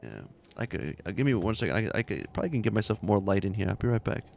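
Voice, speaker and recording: A gamer streaming from his room speaks fast and expressively in a fairly low, gravelly voice, with a little hiss or hum. He chats casually with viewers and tells rambling, laughing stories full of restarts.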